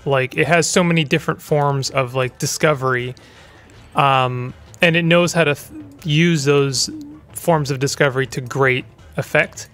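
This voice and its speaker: A man's voice: mid-range voice, steady tone, a little slow, fairly bright tone, faint music behind. A man hosting a gaming channel, giving rambling, chatty let's play commentary with stumbling restarts.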